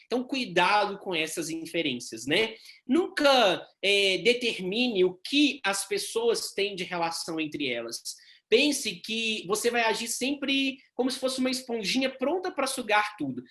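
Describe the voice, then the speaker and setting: A man, teaching nursing students in a quick, animated lecture full of tag questions. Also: sits high. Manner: fast-talking, frequent tag questions, animated. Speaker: nursing instructor. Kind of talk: recorded lecture.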